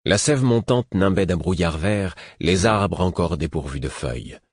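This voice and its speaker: A man reads a fantasy audiobook in the first person with a steady storytelling delivery. His voice is very low and husky. The sound is dry and close, with no room around it. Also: normal speed, dry recording. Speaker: narrator. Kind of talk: audiobook narration.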